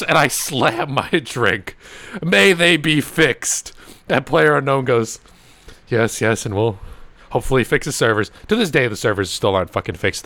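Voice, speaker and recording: Fairly high in pitch, this young man's voice carries a casual podcast chat where, as host, he rambles through animated anecdotes with plenty of swearing and laughing. There is no room sound.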